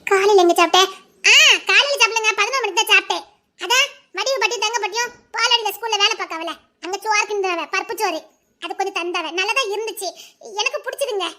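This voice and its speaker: A woman's voice: very high voice, fast talker, bright, forceful tone. A woman playing a chatty, teasing wife in a colloquial family drama.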